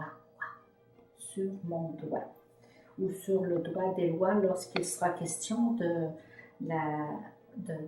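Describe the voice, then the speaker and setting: Woman, reading-method author, patient teacher tone, roomy sound with faint music underneath. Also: on the low side. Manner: gentle, patient teacher tone with many fillers.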